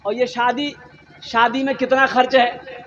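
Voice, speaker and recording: A man's voice: extremely high pitch, little pitch movement, unhurried, fairly bright tone, dull audio, a little hiss or hum. A man preaching an Islamic sermon at a religious conference, firing rhetorical questions, answering them himself and telling stories with acted-out exchanges.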